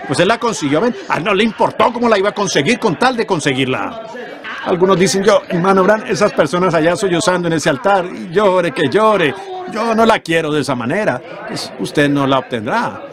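A man preaches through a sermon in a somewhat high voice, pressing the congregation with rhetorical questions. The clear sound of a congregation runs behind him, from an old sermon tape. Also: animated, fairly quick, a crowd in the background. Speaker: simultaneous interpreter of a sermon. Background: congregation in a church.

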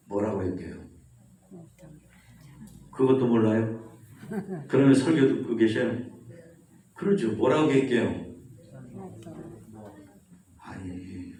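A pastor with a medium-pitched voice preaches in an echoey church sanctuary, recorded from a distance with a little hiss or hum. He tells stories animatedly and asks the congregation questions.

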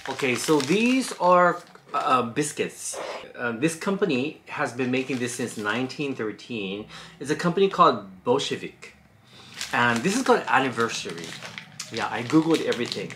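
A woman's voice: a bass voice, very animated, moderate pace, fairly bright tone, slight background noise. Woman food vlogger chatting away over snacks, bouncy intonation, lots of little hums. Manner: chatty, thinks aloud, frequent hums. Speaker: food review host. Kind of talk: casual snack-tasting chat.

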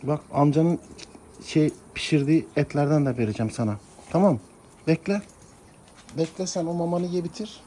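A man's voice: on the high side, normal speed, long pauses, warm tone, a little hiss or hum. A man talking casually to his cat and dog, coaxing and pleading with them in a pet-talk way. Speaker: pet owner.

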